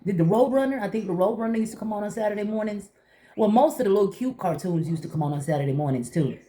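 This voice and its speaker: A middle-aged woman chatting casually to viewers while eating, telling stories in an animated way and acting out conversations. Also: mid-range voice, fast talker. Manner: talking while eating breakfast. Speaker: vlogger.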